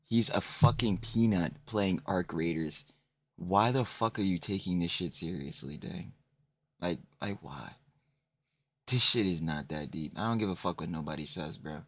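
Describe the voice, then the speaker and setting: A man's voice: sits low, normal speed. A man hosting a casual reaction video, laid-back and slang-heavy, swearing freely and often laughing. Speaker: reaction host.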